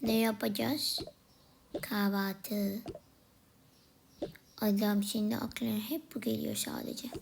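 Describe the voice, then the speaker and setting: A woman voicing a pair of playful baby sisters in a comedic role-play vlog, often in a whispery, hushed way. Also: medium pitch, level tone, slow pace, vocal fry, pauses often, noisy background. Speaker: vlogger voicing toy siblings.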